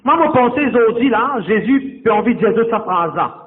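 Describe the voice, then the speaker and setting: In a church, a male pastor with a very high-pitched, animated voice preaches at a moderate pace, mixing English words into his speech. He repeats phrases and exhorts the congregation directly, and the recording has a tinny, echoey church hall sound.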